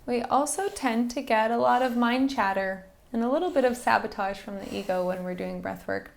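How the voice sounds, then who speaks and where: A woman instructor softly guiding a breathing exercise in a soothing, encouraging manner, with background noise in the recording. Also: fairly high pitch, normal speed. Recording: faint-to-clear background noise and ambience.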